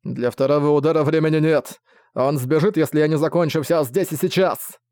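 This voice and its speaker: A man's voice: on the high side, steady tone, fairly quick, a little mellow, no echo, lightly acted. A man voicing a determined young prince who speaks in an earnest, resolute way. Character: determined young prince fighting his brother.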